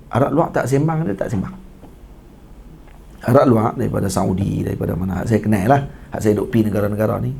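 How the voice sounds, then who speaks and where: Gravelly Malaysian Malay religious teacher. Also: male voice, medium pitch, dark tone. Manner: chatty, asks listeners for agreement; mimics Arabic speakers' phrases. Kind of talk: casual classroom religious lecture.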